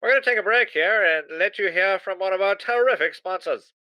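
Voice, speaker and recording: A man's voice: sits high, fairly quick, clear, resonant tone, no echo, muffled recording, lightly acted. A man playing a folksy 1920s radio host on a comedic parody, with a hokey announcer cadence. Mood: jovial.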